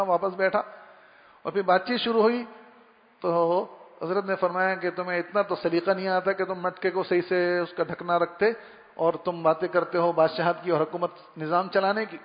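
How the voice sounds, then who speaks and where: A man giving a conversational Islamic sermon on manners, telling stories and imitating everyday sounds as he goes. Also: high-pitched. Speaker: Islamic preacher. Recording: dull recording in a long-reverb hall.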